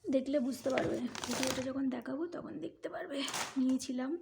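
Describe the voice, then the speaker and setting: Soft-spoken middle-aged woman doing a grocery haul, high gravelly voice, echoey kitchen. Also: steady tone, fairly quick, background noise. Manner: soft-spoken, rambling, chatty asides. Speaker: home vlogger. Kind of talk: casual grocery haul chat. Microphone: bluetooth earpiece. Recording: echoey room.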